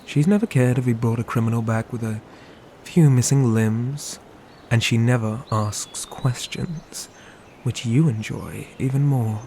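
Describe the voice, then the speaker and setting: In a scripted medieval fantasy audio roleplay for ASMR, a man lightly acts a dutiful, stern and protective knight who is also an ambitious twin brother. His medium-pitched, dark-toned voice uses formal, old-world phrasing in a measured delivery, with audible ambient noise in the recording.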